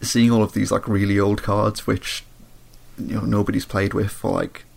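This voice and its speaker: Guy chatting, low froggy croaky voice, stuffed up with a cold, gravelly. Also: level tone, normal speed, darkish tone. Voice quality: croaky, congested voice. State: hoarse, croaky with a head cold. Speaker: podcast co-host. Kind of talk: casual chat. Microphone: remote internet voice call.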